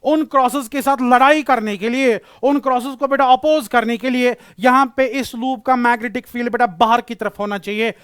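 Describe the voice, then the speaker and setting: A man's voice: very high voice, steady tone, moderate pace, few pauses, fairly bright tone, clear, resonant tone, dry recording, studio quality. A male physics teacher giving a classroom lecture, explaining patiently, repeating key phrases and using terms.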